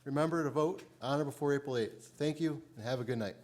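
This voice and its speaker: A man moderating a candidate forum in a city hall auditorium, brisk and full of thank-yous. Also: on the high side, noisy background.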